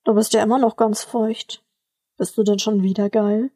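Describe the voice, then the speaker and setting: Eine Frau spricht einen ruhigen, selbstsicheren älteren Barbesitzer in einer Hörgeschichte, langsam und beschwichtigend. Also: female voice, medium pitch, steady tone, normal speed, warm tone, breathy edge, dry recording, clean studio sound. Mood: smug. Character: older man, bar owner, calm and self-assured.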